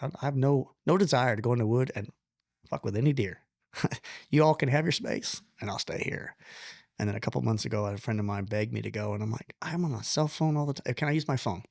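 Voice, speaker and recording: A man telling a long personal story in casual conversation, animated, blunt and self-deprecating, with the odd curse word. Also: mid-range voice, gravelly, no room sound, clean studio sound. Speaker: podcast guest.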